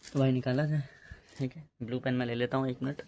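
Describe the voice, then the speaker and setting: A man's voice: medium pitch, little pitch movement, fast talker, a little mellow, slight background noise. A man teaching a physics lesson in a casual, chatty way, often checking in with his students. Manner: chatty, addresses students as bhai, repeats ok.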